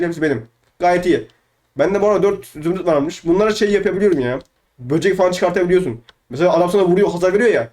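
A man's voice: high voice, a little mellow. A young man from Turkey chatting casually over gameplay, boastful and teasing, repeating his lines. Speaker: gamer.

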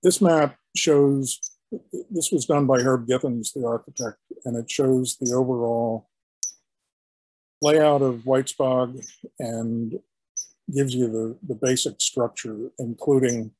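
An older man, a historian, giving an illustrated lecture in a halting, explanatory way with frequent restarts. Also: mid-range voice, fairly even intonation, darkish tone, breathy edge, dry recording, poor audio. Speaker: historian giving a guest talk.

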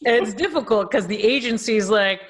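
A woman hosting a casual podcast chat, telling stories in a chatty, lively way. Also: fairly high pitch, normal speed. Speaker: podcast host.

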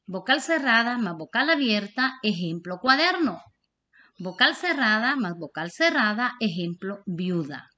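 A woman teacher with a Honduran Spanish accent, reading a scripted lesson in a slow, deliberate way. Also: mid-range voice, sing-song, bright, forceful tone, dull audio.

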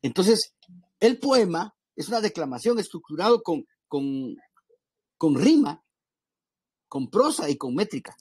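Husky man teaching a class. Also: high voice, very animated, unhurried, long pauses, a little mellow, no room sound. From Guatemala. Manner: conversational, addresses listeners as brothers, many restarts and asides. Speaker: ministry school teacher. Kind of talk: informal Bible class lecture.

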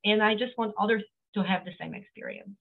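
A middle-aged Polish accountant, speaking with a Polish accent, joins a casual interview over a video call from her home office. Her medium-pitched voice is expressive, fast and creaky, full of earnest fillers and restarts, with phone-like narrow sound.

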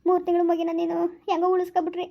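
A woman's voice: extremely high pitch, monotone, rapid-fire, dull audio. A woman playing a remorseful young village mother who keeps pleading and blaming herself. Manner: pleading, self-reproaching. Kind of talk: village family skit acting.

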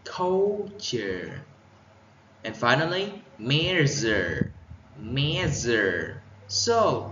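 A male English teacher with a Vietnamese accent, giving an exam-prep lesson. He reads words out carefully, repeats them for pronunciation and explains in quick bursts. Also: medium pitch, pushed and bright, echoey room, lo-fi sound, a little hiss or hum. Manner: reads answer options slowly, then explains in quick bursts.

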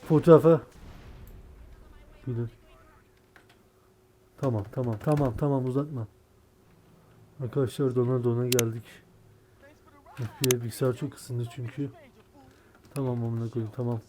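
A young man commentating his gameplay, sick with a worn voice, swearing in frustration and bursting into shouts. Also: medium pitch, steady tone, normal speed, pauses often. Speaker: gaming YouTuber.

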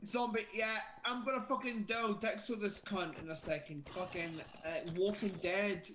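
A Scottish man with a bright, forceful voice talks drunkenly through a gaming session. He rambles, repeats himself and swears constantly in loose, casual chat. There is faint noise and clicking on the recording. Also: high voice, steady tone, normal speed. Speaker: gamer playing Minecraft with a friend.

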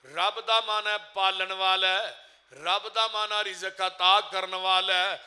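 A man's voice: high-pitched, steady tone, unhurried, sharp tone. A man preaching with a Punjabi accent, chanting verses and telling stories with fervor. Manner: alternates chanted poetry and fervent storytelling. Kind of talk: Punjabi sermon with sung verses.

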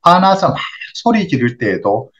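A man, a counselor explaining calmly and patiently on a phone consultation, acting out example phrases. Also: fairly high pitch, normal speed, muffled recording. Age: 60s.

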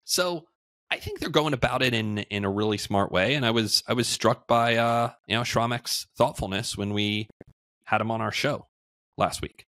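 A man in his thirties, a guest on a remote video call, explaining things in a measured way with frequent fillers. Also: mid-range voice, fairly bright tone, no room sound. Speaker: podcast guest, housing entrepreneur. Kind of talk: conversational interview.

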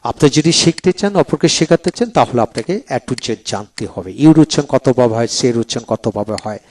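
Man, video lecture, English pronunciation teacher, animated pitch, repeats example words. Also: a little hiss or hum. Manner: explains step by step, repeats example words slowly, often says "then come". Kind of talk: video lecture walking through a book.

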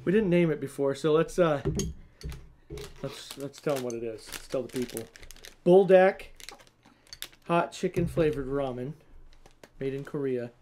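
A woman's voice: rumbling low, moderate pace, long pauses, darkish tone, a little hiss or hum. A woman hosting a casual home food-challenge vlog, chatting and laughing between bites. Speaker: vlog host.

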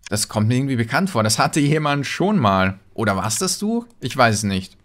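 A man's voice: very animated, a little fast, fairly bright tone. A man doing casual gaming commentary, chatting and answering viewer messages as a let's player. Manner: chatty, jumps in pitch when reading names.

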